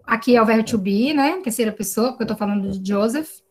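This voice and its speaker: Speaking quickly in a slightly high, somewhat mellow voice, an English teacher leads an online lesson over video call. Her accent is Brazilian Portuguese, and she explains patiently while often tossing in tag questions to check in.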